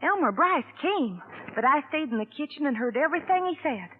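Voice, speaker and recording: A feverish, obsessive young hired girl in an old radio play. Her voice is high. The sound is thin and phone-like, with a long echo. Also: animated, brisk, slight background noise. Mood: confessing. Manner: pleading, feverish, intense. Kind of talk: 1940s radio drama acting.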